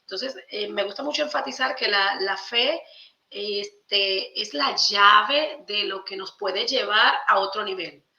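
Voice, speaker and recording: A Dominican woman, appearing as a podcast guest, explains spiritual ideas in a conversational, emphatic way. Her voice is medium in pitch, slow, and sharp in tone. The recording has a roomy echo and sounds slightly dull.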